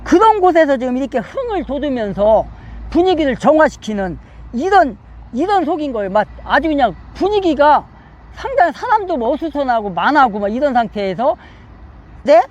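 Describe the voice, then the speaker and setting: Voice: high-pitched, very animated, moderate pace, a little mellow, dull audio. A Korean Bible study teacher lecturing emphatically, repeating phrases and asking the listeners many rhetorical questions.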